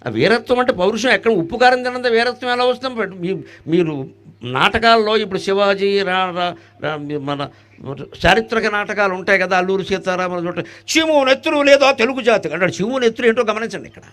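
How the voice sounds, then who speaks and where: A man with a high voice gives a spiritual discourse. He jokes with the audience, fires off rhetorical questions and chants Sanskrit verses. He swings from loud, animated bursts to soft, low asides. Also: brisk. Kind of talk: devotional discourse.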